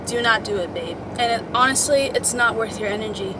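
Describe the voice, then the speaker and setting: A woman's voice: on the high side, fairly quick, noisy background. A young woman chatting casually to her followers, giving motivational advice in an emphatic, girlfriend-to-girlfriend way. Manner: chatty, emphatic girl-talk with swearing and pet names. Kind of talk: casual motivational chat to the audience.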